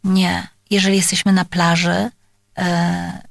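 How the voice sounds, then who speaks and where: Hesitant woman with a gravelly low voice. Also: little pitch movement, slow pace, no echo, clean studio sound. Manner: hesitant, many filler sounds, addresses listeners politely. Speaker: speech therapist. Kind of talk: explaining exercises to parents.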